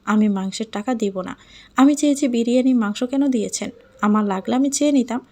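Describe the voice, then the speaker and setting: Storybook heroine read by a woman: young, feisty, quick to argue, higher voice. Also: a little mellow. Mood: indignant.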